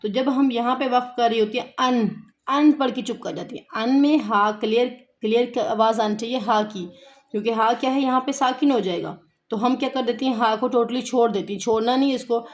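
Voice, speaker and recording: Patient woman teaching recitation. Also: fairly high pitch. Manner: patient, repeats words slowly to demonstrate pronunciation. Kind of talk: tajweed lesson, explaining and reciting slowly.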